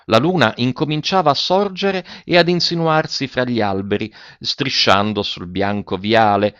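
A man narrating a literary novel in a measured, expressive reading. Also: medium pitch, smooth, no room sound, muffled recording. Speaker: audiobook reader.

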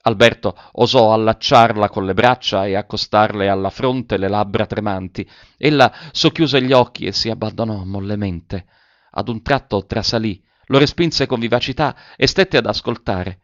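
A man with a lowish voice reads a literary story aloud in a measured, even manner. The recording is dry with no room sound, and slightly dull in tone. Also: no room sound. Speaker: narrator. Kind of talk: scripted literary narration.

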